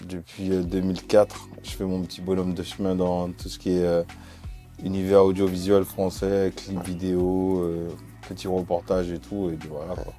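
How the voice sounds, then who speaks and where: Deep-voiced man from Martinique, hesitant. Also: level tone, moderate pace, dark tone, soft background music. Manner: hesitant, many fillers and restarts. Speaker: music video director, guest. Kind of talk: relaxed interview chat.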